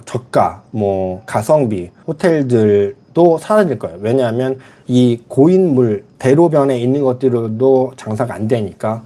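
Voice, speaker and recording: A middle-aged man living in the Philippines hosts a casual livestream, reading chat comments aloud and answering viewers bluntly and frankly. He has a warm, mid-range voice.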